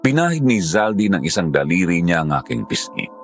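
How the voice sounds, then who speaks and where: A man narrating a horror story in the first person, measured and dramatic. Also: low voice, big pitch swings, faint music behind.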